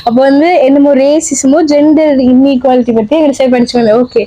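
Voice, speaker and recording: A woman's voice: high voice, steady tone, a little fast, warm tone. A woman telling a story in casual chat as a podcast co-host, laughing often.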